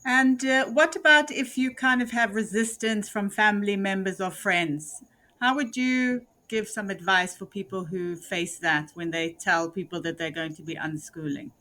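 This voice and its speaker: A woman's voice: mid-range voice, moderate pace, bright, forceful tone. A woman hosting a podcast interview, asking questions fluently and encouragingly. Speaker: podcast host.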